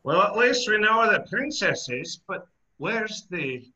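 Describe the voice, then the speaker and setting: Cartoon ogre, male actor: gruff temper, mocking and bossy, hugely animated pitch, deliberate pace, dull lo-fi sound. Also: heavy background noise. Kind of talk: animated film script table read.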